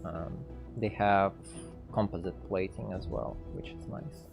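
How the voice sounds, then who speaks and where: A man's voice: sits low, fairly even intonation, a little slow, creaky, music in the background. A man, a game developer, casually commenting on a livestream as he plays, thinking aloud with fillers and reading game text. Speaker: game developer streaming gameplay.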